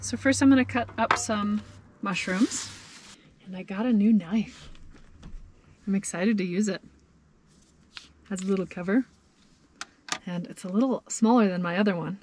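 A woman in her thirties vlogs from inside her parked minivan camper, her mid-range voice moving at normal speed with frequent pauses. She's cheerful and chatty, thinking aloud as she cooks for this casual cooking vlog, recorded on a camera mounted in the van with a little hiss or hum.

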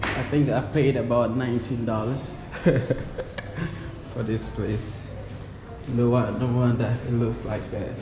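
A man's voice: medium pitch, little pitch movement, unhurried. A man in his thirties from Ghana, talking casually to a phone camera held at arm's length as a travel vlogger, chatty, with many fillers and frequent laughs. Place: inside a car and a small hotel room. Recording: loud traffic and car noise.

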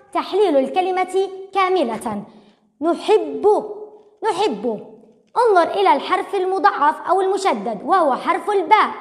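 Woman, very high voice, teacher, patient, sounds out syllables, echoey roomy recording. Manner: slow and patient, sounding out syllables and repeating them. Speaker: primary school Arabic teacher. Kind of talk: recorded lesson for young pupils.

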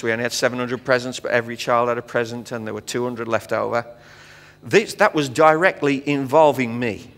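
A middle-aged Englishman, a visiting pastor, delivers a sermon from a church hall stage in front of an audience, his mid-range voice slightly bright. He preaches conversationally, joking around and using plenty of fillers and quips. The recording carries a long hall reverb.

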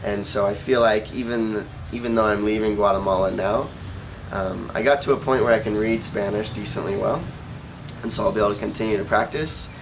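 A young adult volunteer from Oregon, in the United States, talks casually with an American accent, as if in a relaxed interview. His fairly low voice moves a little fast. He's recorded on an outdoor rooftop terrace where background noise is clearly audible.

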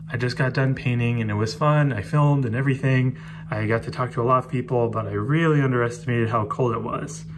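A man speaks in a casual vlog, rambling and candid about his frustrations. His voice sits at an ordinary middle pitch. A faint hum of noise runs under the recording. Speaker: artist vlogger. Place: outdoors on a city street, then indoors.

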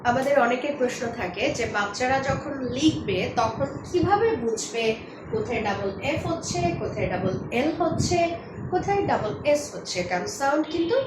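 A woman teaching a phonics lesson, explaining spelling rules slowly and reading example words one at a time. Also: high-pitched, animated. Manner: slow, deliberate, repeats example words one by one. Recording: echoey room with noise.

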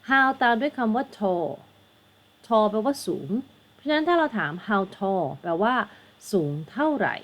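Patient Thai woman teaching English. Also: a little high. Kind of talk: exam tutoring lesson.

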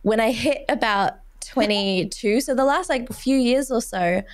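A young woman in her twenties hosting a podcast interview into a studio boom mic, speaking in an open, personal, conversational way. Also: unhurried. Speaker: podcast host. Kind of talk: casual interview chat. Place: small studio room. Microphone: studio mic on boom arm with headphones.

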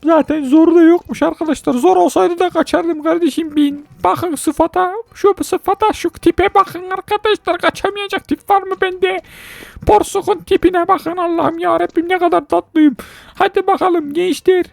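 A woman hosting a let's-play game commentary, excitable and joking, with constant exclamations and banter aimed at her viewers. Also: very high voice, moderate pace, creaky, no room sound. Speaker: gaming channel host.

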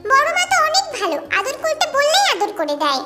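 A feisty twelve-year-old village girl, as a woman puts her on, pouting and scolding in a very high, bouncy voice. She chatters in a childish sing-song. Music plays under the story. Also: huge pitch swings, quick pace, full character voice. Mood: pouty childish.

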